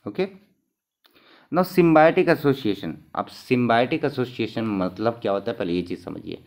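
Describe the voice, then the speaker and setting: A man's voice: medium pitch, lively intonation, takes it slowly, a little mellow. A man, teaching exam material and answering his own questions, repeating each key term as he goes.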